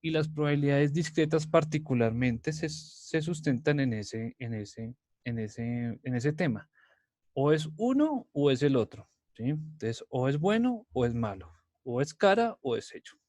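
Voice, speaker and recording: A man's voice: medium pitch, very animated, a little slow, a little mellow, no room sound. A male math teacher from Colombia giving a recorded lecture, explaining step by step and checking in with the class again and again. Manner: repetitive, many "entonces" and "¿sí?" checks.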